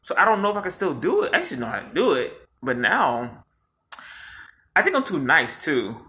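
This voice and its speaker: Animated man in his thirties, bright voice. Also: a little high, a little fast. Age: 30s. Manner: animated storytelling, laughs often, swears freely. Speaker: podcast co-host. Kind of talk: casual couple chat.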